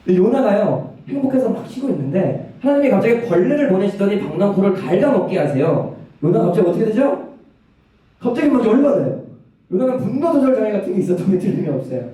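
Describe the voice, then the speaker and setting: A young male preacher tells the story with energy and keeps asking his listeners questions. His voice sits high and swings widely, with a mellow tone. The sound echoes strongly around the church and comes from some distance off the mic. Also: quick pace. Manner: animated storytelling, asks the congregation questions. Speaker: youth ministry preacher. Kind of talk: lively sermon. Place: church sanctuary.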